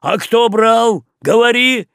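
A man voicing a loud, hot-tempered ship's boatswain who shouts orders at sailors. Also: medium pitch, big pitch swings, measured pace, vocal fry, husky, no room sound, clean studio sound, full character voice. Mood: angry. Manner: shouting, bossy.

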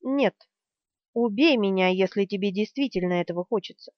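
A woman reading the part of a stubborn, calm young male hero in an audiobook, steady and earnest. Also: mid-range voice, moderate pace, no room sound, natural voice. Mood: earnest resolve. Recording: dry, slightly dull studio sound.

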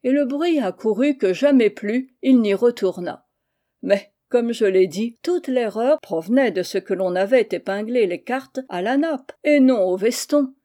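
Mellow-voiced woman reading a novel. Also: a little high, expressive, unhurried. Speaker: audiobook reader. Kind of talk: reading a humorous novel aloud.

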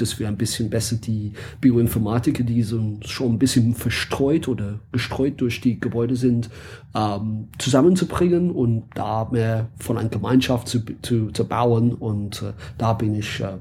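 A man's voice: mid-range voice, dark tone, a little hiss or hum. A man from England with an English accent, a guest in a casual interview, speaking hesitantly with many fillers and searching for words.

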